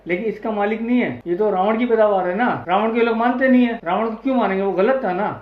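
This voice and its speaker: Angry guy doing reaction commentary, swears a lot, kinda high voice, roomy lo-fi sound. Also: quick pace. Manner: heated, crude, swears often. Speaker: online video host. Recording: echoey, dull lo-fi audio.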